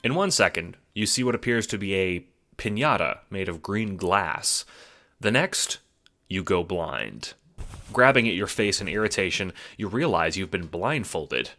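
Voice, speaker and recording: With music under his voice, a low-pitched man narrates in a sing-song, slightly slow delivery and a sharp tone. He acts as narrator and producer of a scripted story in the second person, told in a dramatic manner.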